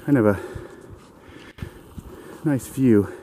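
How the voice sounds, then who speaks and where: A man's voice: mid-range voice, extremely slow, dark tone, slight background noise. A man vlogging as he hikes a mountain trail, chatty and jokey, talking to himself and out of breath from the climb. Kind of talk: hiking vlog narration. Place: outdoors on a rocky mountain trail.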